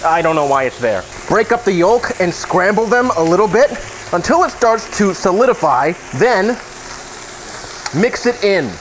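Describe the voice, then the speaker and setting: Over sizzling and kitchen clatter, a drunk man hosting a cooking video at home rambles through a casual tutorial, joking at his own expense as he works. His voice sits high and sing-song at normal speed, and the recording is rough.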